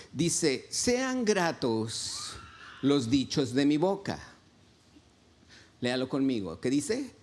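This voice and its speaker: A man's voice: mid-range voice, a little mellow. A man, a pastor preaching a sermon and asking his congregation questions. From Mexico. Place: church.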